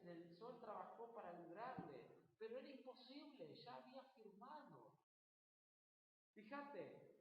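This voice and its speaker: A woman preaching a Sunday sermon, reading scripture aloud emphatically, repeating key phrases and asking rhetorical questions. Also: medium pitch. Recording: very echoey hall, faint background noise.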